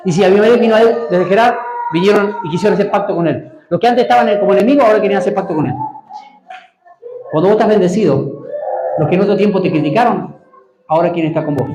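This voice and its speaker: High-voiced pastor preaching in an echoey hall. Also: male voice, noisy background. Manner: preaching with call-and-response prompts to the congregation. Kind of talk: sermon. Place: church hall.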